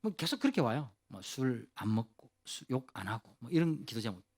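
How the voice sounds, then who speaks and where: A male pastor giving a youth sermon, telling a story in an animated, casual way and asking the listeners questions directly. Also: medium pitch, brisk. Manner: asks the audience questions directly.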